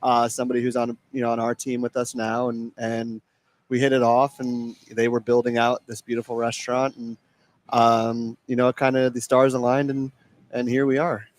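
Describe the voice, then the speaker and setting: A man's voice: medium pitch, monotone, moderate pace. A man who runs a restaurant group talks in a rambling way, restarting his sentences often in a casual interview.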